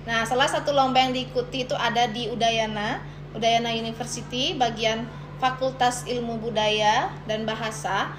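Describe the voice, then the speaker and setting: Indonesian woman teacher, fairly high voice, conversational explaining, echoey noisy room. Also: fairly even intonation, moderate pace. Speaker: teacher of Japanese, podcast guest. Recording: echoey room with clear noise.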